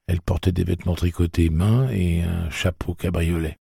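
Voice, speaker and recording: A man reading a novel aloud as audiobook narrator, in a measured, even way. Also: deep voice, vocal fry, slightly rough, no echo, studio quality.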